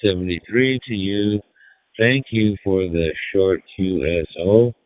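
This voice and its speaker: A low-voiced man works the ham radio bands. He speaks slowly and formally and reads out call signs with care. His voice comes through static and a narrow, phone-like radio channel, and it is dry and close. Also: dry recording. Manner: slow, measured, formal call-sign delivery. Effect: heard over ham radio with static. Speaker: amateur radio operator. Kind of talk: radio contact exchange.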